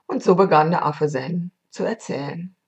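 A woman podcast host narrating a storybook tale in a calm, measured way. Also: fairly low pitch. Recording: dull lo-fi recording.

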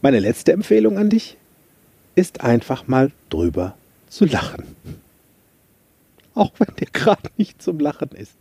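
A man's voice: fairly high pitch, wildly swooping pitch, a little slow, vocal fry, pauses often, dark tone, slightly rough, dry recording. A man hosting a podcast, chatty and self-mocking as he tells a story and gives motivational tips. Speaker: podcast host, coach. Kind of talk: casual motivational podcast monologue.

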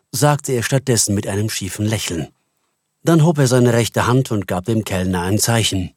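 A man reading a satirical column in scripted narration, with a wry, expressive manner and a husky voice, close to the mic. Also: medium pitch, dry recording.

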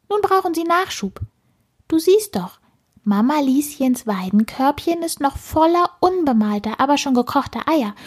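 Woman doing a squeaky cheeky squirrel. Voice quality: squeaky, piping. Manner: teasing, lecturing. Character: cheeky little male squirrel, squeaky and bossy. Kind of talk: storybook narration.

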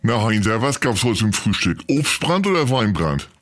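A man's voice: fairly low pitch, big pitch swings, moderate pace, a bit bright. A man hosting a scripted comedy sketch, playing a teasing, exasperated straight man.

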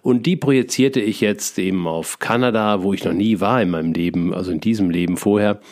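A middle-aged man slowly telling a personal, spiritual life story, reflective and full of small hesitations and restarts. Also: lowish voice, darkish tone. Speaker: feng shui consultant telling his life story.

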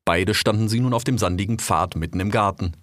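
A man narrating an audio drama in a measured, even storytelling manner. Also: on the low side, no echo, clean studio sound.

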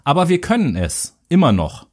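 A man's voice: fairly high pitch, huge pitch swings, moderate pace. A man co-hosting a casual educational show, speaking with sarcastic, mocking humor and crude jokes. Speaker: co-host.

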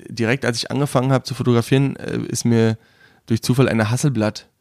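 A man's voice: mid-range voice, fairly even intonation, fast talker, a little mellow, no echo, studio quality. A young man from Brandenburg, guest on a casual podcast chat, talking in a rambling, hesitant way with many fillers and restarts. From Brandenburg, Germany.

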